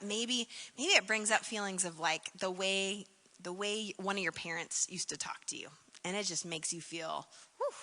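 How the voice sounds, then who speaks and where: Bright-voiced woman giving a keynote. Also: mid-range voice, in a large hall. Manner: conversational, many "like" and "um" fillers. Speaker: keynote speaker. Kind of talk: conference keynote talk.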